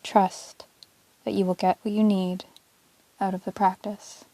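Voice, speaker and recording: Slow, soothing woman guiding meditation. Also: medium pitch. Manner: calm, soothing, measured with long pauses. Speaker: yoga teacher guiding a meditation. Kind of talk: guided yoga nidra meditation, relaxation narration.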